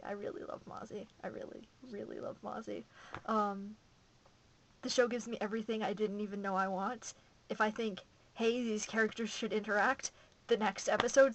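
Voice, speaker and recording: A young Massachusetts woman vlogs casually from home, gushing and rambling enthusiastically into a camera mic. Her voice is mid-range, and the low-quality recording has a bit of hiss or hum.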